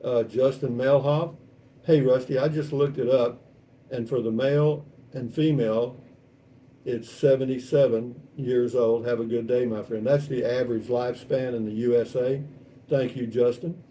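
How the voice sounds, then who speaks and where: A man in his seventies from South Texas hosts a vlog, chatting casually and reading out viewer comments and answering them in a folksy, rambling, wry Texan way. His mid-range voice is warm and steady at a normal speed, picked up by a distant mic with faint background noise.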